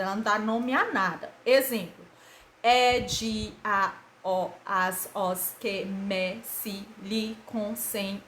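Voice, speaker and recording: A woman teaching a grammar lesson to children, with a slightly high voice that swings widely in pitch. She talks in a patient, didactic way, posing questions and answering them herself and drawing out syllables to show stress. The recording sounds echoey, as if made in a bare room. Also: fairly bright tone, a little hiss or hum. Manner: didactic, asks and answers her own questions, stretches syllables for emphasis. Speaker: schoolteacher.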